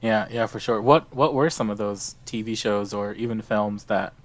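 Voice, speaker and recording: A man's voice: lowish voice, moderate pace, no room sound. Male podcast host with an easygoing, encouraging manner, recorded close and dry. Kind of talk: casual podcast conversation.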